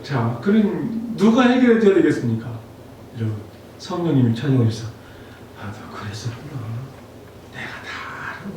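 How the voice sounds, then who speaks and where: A man's voice: sits high, darkish tone. A male pastor preaching a Sunday sermon, telling a personal story in a conversational way and asking the congregation questions. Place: church sanctuary. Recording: very echoey hall, distant mic, faint noise.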